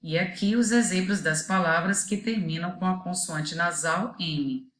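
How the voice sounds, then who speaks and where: A woman teacher with a Brazilian Portuguese accent giving a video lesson to children, saying each example word slowly and deliberately. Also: on the low side, a bit bright. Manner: slow, deliberate, spells out example words one by one. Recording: echoey room.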